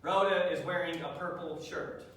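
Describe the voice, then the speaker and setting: A man teaches a math class, lecturing and quizzing students in a dry, joking manner. His voice is a little high and a bit bright, at normal speed. It's taped from far off at the back of an echoey classroom.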